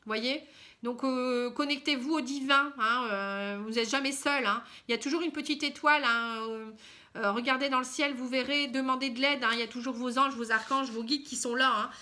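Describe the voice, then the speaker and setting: A woman giving a casual tarot reading to camera, halting, with many fillers and a frequent "hein". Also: high-pitched, fairly even intonation, pushed and bright. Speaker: tarot card reader.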